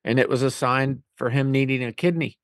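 A man's voice: mid-range voice, fairly quick, dry recording, studio quality. A man in his forties co-hosting a podcast, telling stories in a laid-back, plainspoken way. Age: 40s. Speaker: podcast co-host. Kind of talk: casual conversation.

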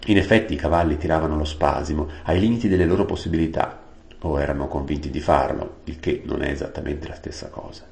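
A man narrating a storybook aloud, unhurried, adding plain-word glosses. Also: rumbling low, vocal fry, a little mellow. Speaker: audiobook reader. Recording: roomy echo.

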